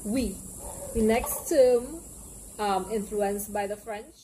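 The recording is low quality, carrying a young Trinidadian woman's slow, mellow, medium-pitched voice with its Caribbean accent. A language teacher and presenter, she sits on an outdoor open porch with trees behind and gives a playful, casual explanation to camera, slipping into local dialect examples. Outdoor ambience comes through clearly in the background.

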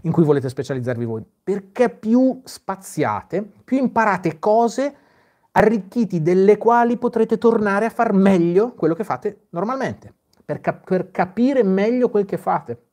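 Hosting a live Q&A, this man reads viewer comments out loud and responds in a loose, talkative way, often using fillers and starting over. His voice sits high, is expressive and a little mellow, and he keeps a measured pace.

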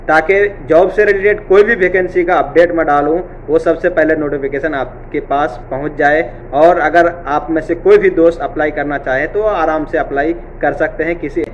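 Hosting a job-vacancy channel from an indoor office on a webcam, a young man explains things casually, repeating reassuring phrases and often saying "theek hai". His voice is a little high, the highs are cut off, and there's slight background noise.

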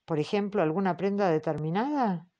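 A woman reading the part of a formal man questioning a witness, slow and patient. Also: on the low side, warm tone, lo-fi sound, close to an everyday voice. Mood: probing. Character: measured male examiner, formal and patient. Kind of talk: audiobook character reading.

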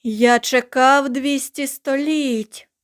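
Woman doing a possessed captain voice, vengeful old city talking through him, calm and slow, storybook feel. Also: high voice. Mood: solemn.

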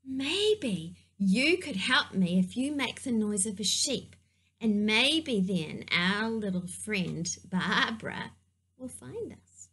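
A woman's voice: mid-range voice, sing-song, slow, a bit bright, husky. A woman teaching preschoolers, talking to the children in a playful, sing-song way during a puppet-show lesson.

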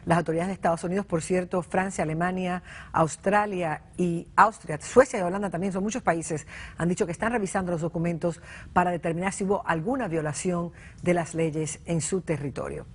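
A middle-aged woman anchoring a news show in a TV studio, lively and conversational. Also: lowish voice, brisk, breathy edge.

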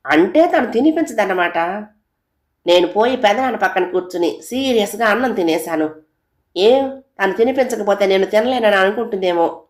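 A woman's voice: mid-range voice, lively intonation, normal speed, echoey room. A woman narrating an audio story, reading aloud and voicing each character with small shifts.

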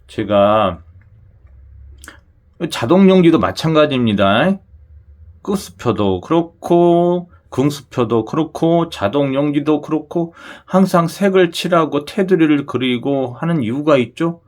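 With a fairly high pitch and a darkish tone, this lottery channel host speaks unhurriedly but with lively intonation. He uses a regional Korean dialect and keeps his talk chatty, often turning to viewers with "그죠?" to get them to agree.

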